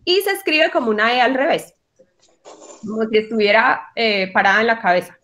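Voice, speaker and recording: A woman's voice: on the high side, a bit bright. Encouraging woman teaching French diction. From Colombian Caribbean coast. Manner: patient, encouraging, demonstrates sounds slowly. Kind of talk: online workshop lesson. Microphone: video call.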